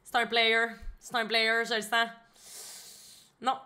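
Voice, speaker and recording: A young woman with a Québécois French accent, giving blunt, excitable reaction commentary and swearing freely. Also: fairly high pitch, takes it slowly, a little hiss or hum. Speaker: host reacting to show clips.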